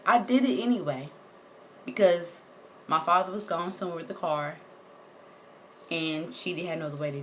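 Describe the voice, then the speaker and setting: Animated low-voiced woman telling a story. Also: slight background noise. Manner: animated, emphatic, repeats words for effect, swears casually. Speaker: vlogger. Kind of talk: personal storytelling to viewers.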